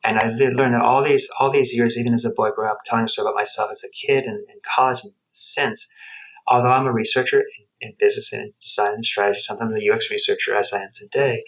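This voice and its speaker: On a podcast, a man from the United States raised speaking Spanish and English rambles reflectively through his story, frequently starting over. He has a lowish, fairly bright voice, captured poorly on headset earphones.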